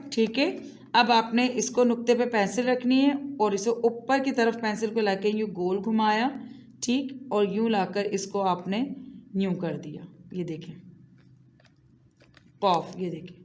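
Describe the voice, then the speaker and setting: A woman's voice: medium pitch, darkish tone, a little hiss or hum. Patient Pakistani woman teaching young children. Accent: Pakistani Urdu. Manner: patient, slow step-by-step instruction with rhythmic repetition. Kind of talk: recorded primary school lesson.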